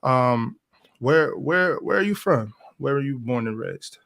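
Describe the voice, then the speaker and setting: Guy hosting a podcast, lots of ums and restarts, average-pitched voice. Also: expressive, unhurried, gravelly, fairly bright tone. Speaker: podcast host. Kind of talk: casual interview hosting.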